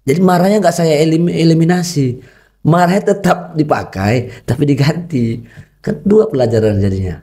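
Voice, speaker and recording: Medan-accented man, mellow lively storyteller. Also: on the high side, normal speed. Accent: Medan Indonesian. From North Sumatra. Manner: lively storyteller who acts out quoted dialogue. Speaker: guest, educator and father. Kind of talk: podcast interview.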